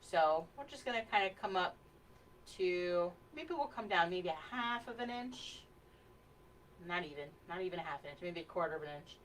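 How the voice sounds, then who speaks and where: A woman's voice: on the low side, lively intonation, normal speed. A woman from New Jersey leading a live painting class from a home studio, chatty and laughing often as she talks through brush steps. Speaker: painting instructor and co-host. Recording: distant mic with faint background noise.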